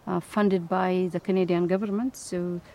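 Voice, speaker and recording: A middle-aged woman scientist from Ethiopia, answering interview questions thoughtfully with many pauses, fillers and restarts. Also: lowish voice, little pitch movement, mellow. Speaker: scientist and institute director.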